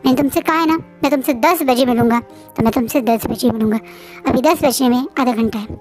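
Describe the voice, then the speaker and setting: A woman's voice: on the high side, brisk, faint music behind, close to an everyday voice. A woman voicing a frustrated, sulky young man in a story recap, snapping and pouting.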